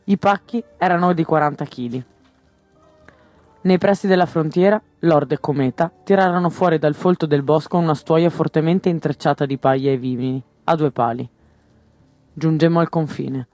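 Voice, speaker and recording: A man narrating a novel as an audiobook, reading steadily and raising his voice for shouted lines. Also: moderate pace, no room sound, faint music behind. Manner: steady storytelling, lifts pitch for shouted quotes.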